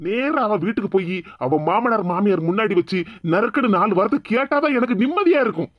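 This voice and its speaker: Angry cartoon husband, voiced by a woman, quick and insistent, Tirunelveli accent, dull dry sound. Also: mid-range voice, lively intonation, dry recording, lightly acted. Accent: Tirunelveli Tamil. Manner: insistent, hot-tempered. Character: angry young husband, stubborn.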